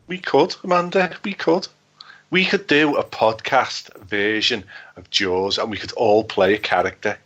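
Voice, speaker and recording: A man's voice: fairly low pitch, unhurried, a bit bright, dull audio. A man, co-hosting a podcast in casual, jokey banter. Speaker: podcast co-host. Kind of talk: casual chat.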